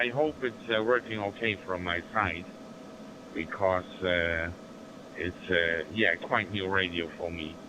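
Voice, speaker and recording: A man with a German accent, making amateur radio small talk in formulaic operator phrasing over a crackly link. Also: low-pitched. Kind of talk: amateur radio contact chat. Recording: noisy radio link, background hum.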